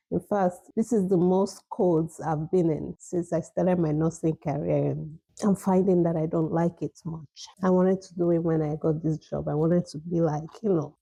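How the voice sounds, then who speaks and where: A woman's voice: fairly low pitch, gravelly, dark tone, slightly rough, no room sound, rough recording. A middle-aged Nigerian woman, an emergency nurse, chatting casually to her vlog viewers while she eats, often laughing and restarting her sentences. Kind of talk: casual chat while eating.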